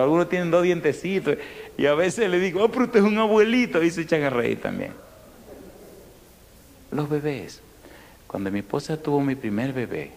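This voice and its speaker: A man preaching a storytelling sermon to a congregation, animated, acting out the people in his story and dropping to a near whisper for his closing appeal. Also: mid-range voice. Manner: animated, acts out dialogue, drops to near whisper. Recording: echoey hall, faint background noise.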